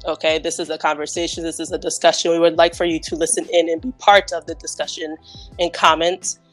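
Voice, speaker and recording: A woman's voice: sits low, flat delivery, quick pace, faint music behind. A woman hosting a casual podcast, upbeat and chatty, who laughs easily as she talks. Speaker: podcast host.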